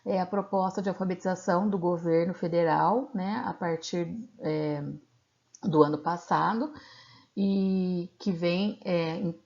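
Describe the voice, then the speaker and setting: A woman's voice: fairly low pitch, fairly even intonation, measured pace, a little mellow. A woman teacher with a Brazilian accent explaining a lesson patiently in a recorded video lecture, often checking in with little tag questions. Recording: slightly dull lo-fi recording.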